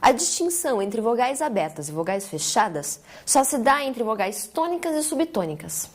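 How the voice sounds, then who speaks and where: A woman's voice: fairly high pitch, sing-song, normal speed. A woman co-narrating a scripted grammar lesson, reading definitions in a textbook tone.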